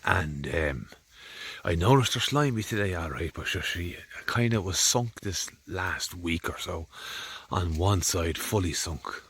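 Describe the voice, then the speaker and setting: A man's voice: low voice, lively intonation, a little slow, fairly bright tone, breathy edge, no room sound. A man with an Irish accent, a farmer chatting casually outdoors in a field, rambling and grumbling as he films on a handheld phone. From Ireland. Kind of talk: casual vlog narration. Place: outdoors on a farm field, in the rain.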